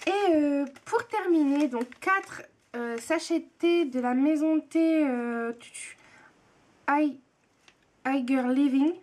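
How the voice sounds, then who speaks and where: A woman's voice: high voice, a little slow, darkish tone. A young woman blogger chatting casually and gushingly about a tea box, full of hesitations. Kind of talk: casual unboxing chat.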